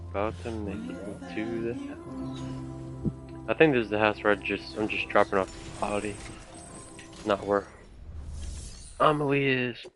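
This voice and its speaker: A man's voice: on the low side, expressive, moderate pace, pauses often, music in the background, rough recording. A young man streaming a video game, chatting casually and rambling with lots of fillers. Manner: rambling, filler-heavy storytelling. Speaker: gaming streamer. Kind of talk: casual chat while playing.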